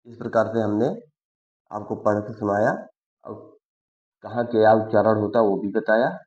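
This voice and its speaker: A man teaching Sanskrit in a patient lesson, explaining words one by one and reciting verses slowly. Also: on the low side, darkish tone, reverberant. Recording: dull lo-fi sound.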